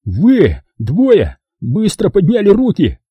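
A man voicing a hot-tempered American crook who barks orders in exasperation, with a husky voice. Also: sits high, big pitch swings, a little slow, no room sound, lo-fi sound, pitched above the performer's own voice, heavily acted. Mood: angry. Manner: barking, exasperated shouting. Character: hot-tempered American male kidnapper, fed up.

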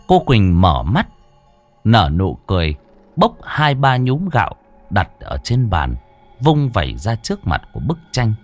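Expressive male horror storyteller. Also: on the low side, a little slow, soft background music. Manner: dramatic, expressive reading. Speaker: narrator.

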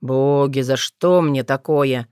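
A weary, grumbling young man from a storybook, played by a woman narrator. He mutters low and slowly with a resigned air. The recording is dry and close. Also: no echo, lightly acted.

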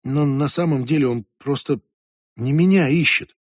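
Man doing a quiet, haunted teenage girl. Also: on the high side, moderate pace, dry recording, lo-fi sound, lightly acted. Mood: dreamy, sad.

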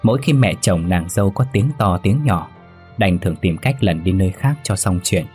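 Deep husky male storyteller. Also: lively intonation, normal speed. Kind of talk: scripted ghost story narration. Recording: soft music bed under the voice.

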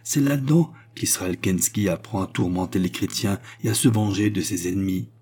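A man's voice: deep voice, moderate pace, dark tone, husky. A man doing a chatty young peasant lad. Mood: earnest. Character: talkative good-natured young male Russian peasant.

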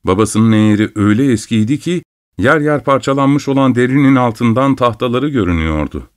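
A man narrating an audiobook in a measured, expressive storytelling manner. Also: mid-range voice, clean tone.

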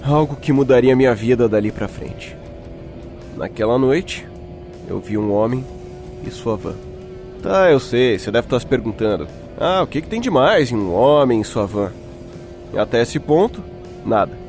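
Over background music, a man with a medium-pitched, sing-song, slightly mellow voice plays a shaken young Brazilian at normal speed. He narrates his own night-time horror encounter in the first person, suspenseful and dramatic, acting out the dialogue. The mood is ominous and tense.

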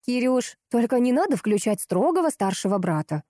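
A woman's voice: a little high, very animated, moderate pace, mellow, dry recording, clean studio sound, pitched above the performer's own voice. A woman voicing an irritable, sarcastic young woman. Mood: irritated. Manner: grumbling, sarcastic.

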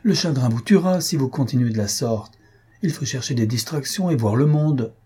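A man's voice: mid-range voice, expressive, normal speed, mellow, husky, voice pushed up. A man voicing an affectionate but bossy society lady who talks firmly and coaxingly.

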